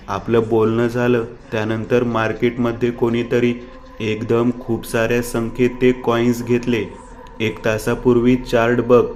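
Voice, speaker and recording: A man's voice: medium pitch, darkish tone, a little hiss or hum, lightly acted. A man voicing a scheming false friend. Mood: alarmed.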